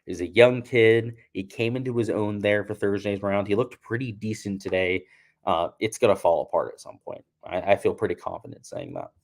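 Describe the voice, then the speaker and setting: A chatty young man with a slightly low voice talks golf picks in a loose, casual way. He tells stories and laughs at himself as he goes. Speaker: golf betting channel host. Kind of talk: casual talk.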